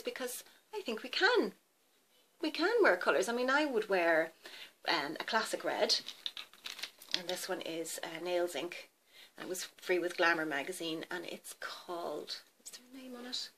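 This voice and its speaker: A woman's voice: on the low side, a bit bright, a little hiss or hum. A woman beauty vlogger chatting casually to camera about products, rambling a little and stopping to check names.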